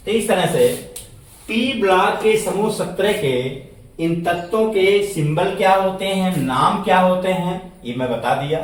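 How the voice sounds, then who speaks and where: A man teaching a chemistry lesson to students, speaking slowly, repeating words, spelling them out letter by letter and answering his own questions. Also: sits high, distant mic. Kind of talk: classroom lecture. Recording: echoey room, voice set back from the mic.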